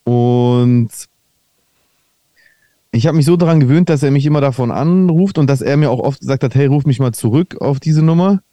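A man's voice: mid-range voice, normal speed, dark tone, dry recording, lo-fi sound. A man chatting casually on a podcast, telling a meandering anecdote with lots of restarts. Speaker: podcast host.

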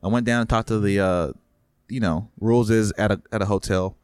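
A man's voice: fairly low pitch, fairly even intonation, fairly quick, a little mellow, smooth, dry recording, studio quality. Rambling, profane man. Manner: rambling, profane, restarts a lot. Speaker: podcast co-host and comedian. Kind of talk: casual storytelling chat.

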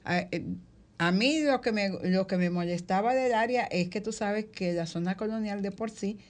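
A woman's voice: medium pitch, normal speed. A woman with a Dominican accent, hosting a radio panel and chatting casually in colloquial speech, stretching words for emphasis. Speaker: radio show host.

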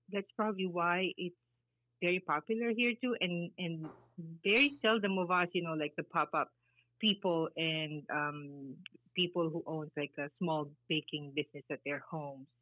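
Talking casually at a normal speed in a lowish voice, the Filipino baker and business founder, a middle-aged woman, rambles through her interview answers with lots of fillers and easy laughter. The line sounds tinny and phone-like, without echo.

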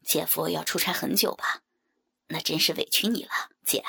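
A woman voicing a pushy young man, speaking in a soft, breathy near-whisper. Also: deep voice, steady tone, moderate pace, voice pushed down, heavily acted. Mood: coaxing.

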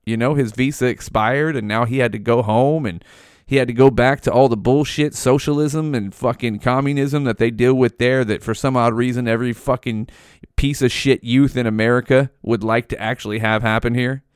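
A man hosting a casual podcast, rambling through stories with constant swearing and slang. His voice is smooth and medium in pitch. The sound is dry and close, with no room around it. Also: fairly even intonation, normal speed, dry recording. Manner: rambling, heavily profane, slangy. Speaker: podcast host. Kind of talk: casual monologue storytelling.

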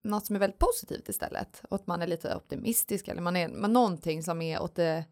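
A woman co-hosting a podcast in casual chat, lively and rambling with many fillers, on a studio mic. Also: on the low side. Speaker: podcast co-host.

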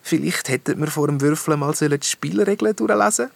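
A man voicing a gentle young mermaid girl who talks softly and quietly, in a storybook reading. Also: on the high side, a little fast, creaky, no echo, voice pushed up. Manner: soft and quiet.

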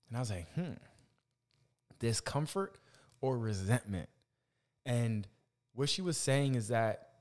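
A man's voice: mid-range voice, a little mellow. A man hosting a podcast in a casual motivational monologue, using Rasta-influenced slang, reflective and repeating phrases for emphasis. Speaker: podcast host.

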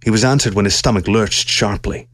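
Low-voiced man reading a story. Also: no room sound, clean studio sound. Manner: steady, measured storytelling. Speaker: narrator. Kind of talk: audiobook reading of a science-fiction story.

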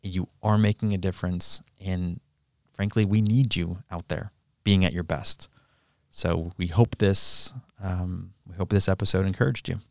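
A man's voice: low voice, fairly even intonation, unhurried, gravelly, a little mellow, no echo, studio quality. A man co-hosting a podcast, talking earnestly and encouragingly in a casual conversation. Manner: earnest, encouraging, thinks aloud with restarts. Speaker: podcast co-host.

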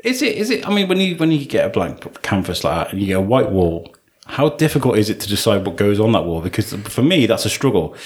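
A man's voice: fairly low pitch, very animated, fast, hardly any pauses, breathy edge. A man hosting a podcast in a casual, jokey, rambling way, often repeating words as he gets going. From Telford, England, and North Wales. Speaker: podcast host. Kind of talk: casual interview chat.

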